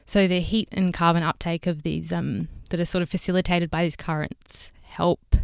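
A woman's voice: on the low side, steady tone, normal speed, creaky, clean tone, dry recording, clean studio sound. A young woman, explaining science informally as an interview guest. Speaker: guest scientist, PhD candidate and fellow show host. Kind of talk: spontaneous explanatory interview talk.

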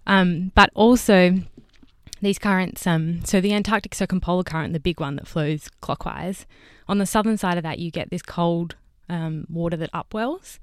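A woman's voice: fairly low pitch, normal speed, clean tone, no echo, clean studio sound. A young woman, explaining science informally as an interview guest. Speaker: guest scientist, PhD candidate and fellow show host. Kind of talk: spontaneous explanatory interview talk.

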